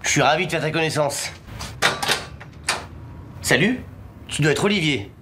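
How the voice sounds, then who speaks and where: Casting: actor playing a breezy, overfamiliar man with a fairly high voice who barges in uninvited. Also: animated, normal speed, background noise, close to an everyday voice. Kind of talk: film dialogue.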